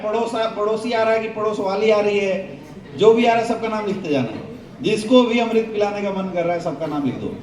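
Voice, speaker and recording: A man leading a seminar training talk, firing call-and-response questions at the audience in a joking way. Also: sits high. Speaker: network marketing trainer. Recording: roomy echo, voice from a distance, faint hum.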